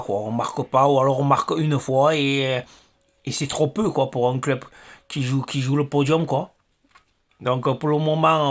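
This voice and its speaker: A man's voice: medium pitch, a bit bright. A man hosting his football fan channel, ranting after a match, hesitant with many fillers and stammers. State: angry. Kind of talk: angry post-match rant.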